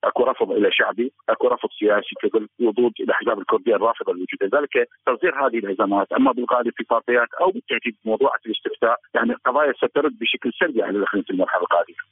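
Fast-talking Iraqi man on a phone line. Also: mid-range voice, expressive, no room sound. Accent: Iraqi Arabic. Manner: rapid argumentative analysis. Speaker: political analyst guest. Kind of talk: phone-in radio interview. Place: Baghdad by phone. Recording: tinny phone line, husky.

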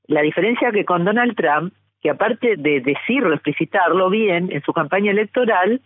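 Over a tinny phone line, a middle-aged woman from Argentina, a journalist and psychologist, gives a fluent, argumentative interview as a guest in Argentine Spanish. Her voice is lowish and husky, with lively intonation, normal speed, and no room sound.

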